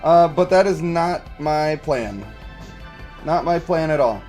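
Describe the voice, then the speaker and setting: This livestream host speaks slowly in a fairly high, expressive and slightly mellow voice. Chatting casually over background music, he reads viewer comments, responds, explains his opinions about the game and asks if people agree.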